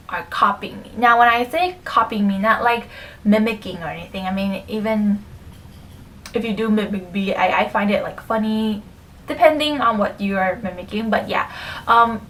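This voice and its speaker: A woman's voice: mid-range voice, fairly bright tone, far from the mic, slight background noise, low-quality recording. A young woman talking casually to camera about her pet peeves, full of fillers, sometimes dropping to a near whisper. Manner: chatty, many fillers, drops to near whisper. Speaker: vlogger.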